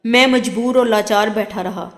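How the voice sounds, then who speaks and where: A woman reading a long moral story as narrator, in a steady, measured way. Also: mid-range voice. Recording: long reverb.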